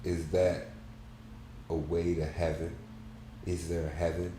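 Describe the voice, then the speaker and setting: Deep, slow man reading softly in an echoey room. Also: little pitch movement. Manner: soft, halting, measured delivery. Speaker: book club host. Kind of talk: reading a book aloud. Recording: roomy echo, faint background hum.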